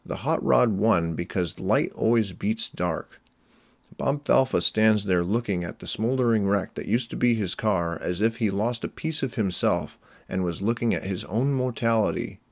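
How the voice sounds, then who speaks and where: A man narrates an analytical essay in a measured, explanatory tone. His voice sits a bit low, and the recording is dry with no room sound. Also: vocal fry, a little mellow, dry recording.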